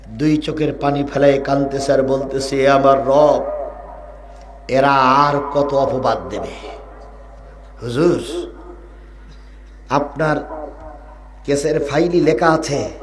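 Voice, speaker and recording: A male preacher giving a fiery sermon, switching from a calm telling voice to loud rousing shouts. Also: on the high side. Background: crowd answering.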